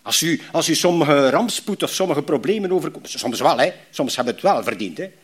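A man's voice: fairly high pitch, fairly quick, breathy edge. A middle-aged man from Belgium with a West Flemish accent, preaching a sermon with rhetorical questions and frequent restarts. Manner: animated, repetitive restarts, rhetorical questions to the congregation. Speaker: pastor.

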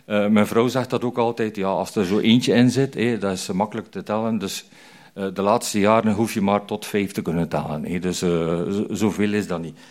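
A man's voice: fairly low pitch, fairly even intonation, normal speed, darkish tone. An older man preaching an informal sermon, chatty and full of fillers and tag questions. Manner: chatty, frequent "hè" tags and fillers. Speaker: prison chaplain preacher.

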